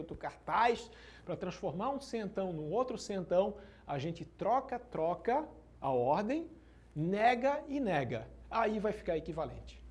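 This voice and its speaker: A male teacher with a high-pitched, slightly mellow voice gives an exam-prep lesson at a classroom whiteboard. He's slangy and emphatic and checks in with his students often.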